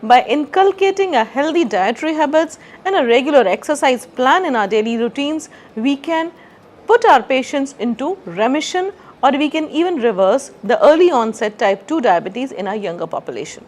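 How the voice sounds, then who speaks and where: A middle-aged woman doctor from India, giving a clear, prepared talk as a consultant endocrinologist. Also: high-pitched, lively intonation, normal speed, a little mellow. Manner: clear, explanatory lecturing.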